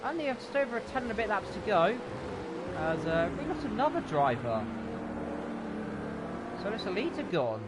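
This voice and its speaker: A man doing live motorsport commentary in an excitable, exclaiming play-by-play manner. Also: high voice, normal speed, pauses often. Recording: noisy, car engine sound behind.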